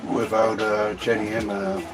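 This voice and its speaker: A man in casual chat, halting with many fillers and dry, self-mocking humour. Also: lowish voice, little pitch movement, loud music behind the voice, poor audio. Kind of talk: casual chat while eating out.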